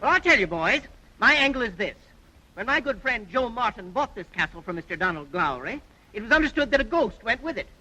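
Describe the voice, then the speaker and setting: A man's voice: very high voice, big pitch swings, fairly quick, bright, forceful tone, heavily acted, poor audio. An actor playing a sly, wry skeptical businessman in a 1930s film.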